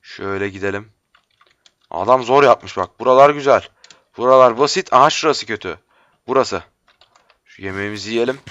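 A man giving frustrated live commentary while playing a game, swearing and breaking into shouts, his voice going hoarse. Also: medium pitch, no room sound, dull audio. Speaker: gamer.

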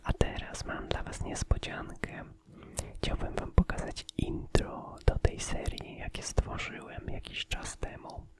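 A man giving a casual ASMR channel update in a soft, unvoiced whisper, phrasing things hesitantly. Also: unhurried.

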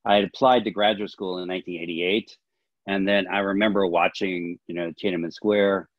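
Deep-voiced man on a dull video call. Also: steady tone, moderate pace, no echo. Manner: reflective, long flowing answers. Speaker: film director and history professor. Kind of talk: interview answers over video call. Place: small home room indoors. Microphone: laptop webcam on video call.

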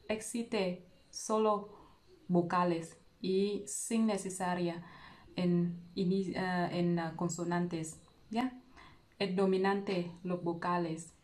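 A Vietnamese woman, a non-native speaker with a Vietnamese accent, patiently explaining a language lesson with rhetorical questions and halting, searching phrasing. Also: lowish voice. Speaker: language teacher.

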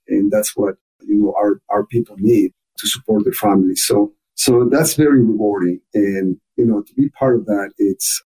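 A man's voice: fairly low pitch, mellow, husky, rough recording. A man from Ecuador with a thick Ecuadorian Spanish accent, a native Spanish speaker, talking earnestly as a podcast guest, often repeating words as he restarts. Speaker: guest, chamber of commerce officer. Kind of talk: podcast interview.

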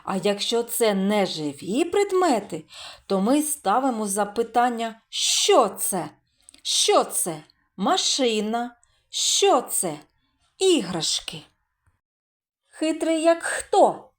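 A woman's voice: a little high, big pitch swings, slow pace. A woman teacher giving a recorded literacy lesson to young children, asking questions, drawing out speech sounds and answering with praise. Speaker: primary school teacher.

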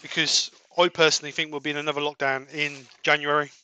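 A man's voice: a little high, little pitch movement, fast, pushed and bright, smooth, dry recording, highs cut off. A man hosting a casual woodturning livestream from his workshop, chatting and laughing easily while he works at a lathe. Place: home workshop at a wood lathe.

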